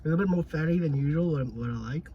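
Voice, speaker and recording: A man's voice: on the high side, quick pace, dull audio, slight background noise. Rambling man chatting mid-snack. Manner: rambling, full of "like" and filler words; talks while chewing. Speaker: podcast co-host. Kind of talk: casual chat while tasting food.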